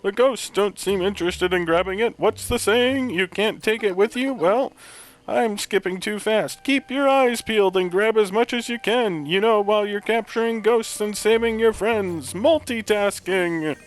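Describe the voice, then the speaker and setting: Man doing an eager old inventor professor, pitched up, from a game walkthrough. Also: moderate pace, natural voice, poor audio. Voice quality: put-on voice the performer calls bad. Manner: higher, excited, reading game dialogue aloud. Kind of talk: reading video game dialogue.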